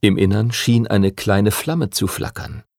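A man narrating a children's fantasy story in steady, expressive scripted reading. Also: fairly low pitch, measured pace, vocal fry, no room sound, clean studio sound. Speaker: audiobook narrator.

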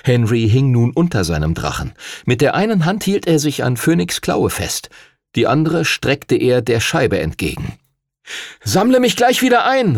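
Expressive male audiobook narrator, gravelly. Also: medium pitch, no room sound, clean studio sound. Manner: expressive, dramatic.

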